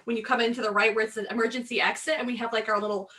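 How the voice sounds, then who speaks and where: A woman's voice: fairly high pitch, very fast, distant mic. A woman co-hosting a podcast at home, chatting casually and acting out little exchanges. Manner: animated, acts out quoted exchanges. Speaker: podcast co-host. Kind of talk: casual chat. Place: home, basement.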